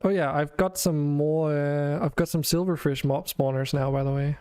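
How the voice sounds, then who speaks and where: A man's voice: a little high, fairly even intonation, normal speed, dark tone, clear, resonant tone, faint music behind. A man hosting a game stream, chatting casually and thinking aloud with some hesitation. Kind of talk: casual chat while playing a game.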